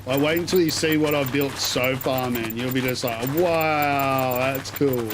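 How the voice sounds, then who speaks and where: A man's voice: medium pitch, moderate pace. Kiwi man streaming, noisy background. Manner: slangy, rambling, thinking aloud. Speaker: game streamer. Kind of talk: casual live gameplay commentary.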